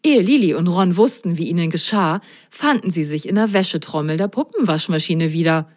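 A woman reading a children's bedtime story aloud in a gentle, unhurried storytelling manner. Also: lowish voice, expressive. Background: faint music.

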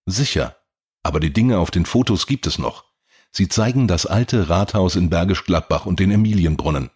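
A calm, talkative antiquarian man, read by a male narrator with a deep, husky voice. He explains things patiently, an audiobook figure. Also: normal speed. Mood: calm, chatty.

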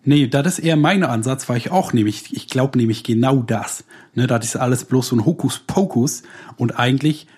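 A man in casual comic banter, asking mock-naive questions in a deadpan way. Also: mid-range voice, normal speed, husky.

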